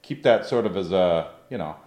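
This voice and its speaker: A man's voice: low voice, expressive, normal speed, dark tone. A man hosting a casual chat with a band, jokey and easygoing. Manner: jokey, easygoing, lots of fillers. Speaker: podcast host. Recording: echoey room.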